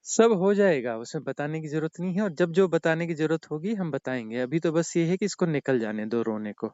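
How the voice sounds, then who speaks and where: A male spiritual teacher counsels calmly and reassuringly, often repeating short phrases. His slightly raised voice is dry and close, with muffled, lo-fi sound. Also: a little high, brisk, no room sound. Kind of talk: calm counselling.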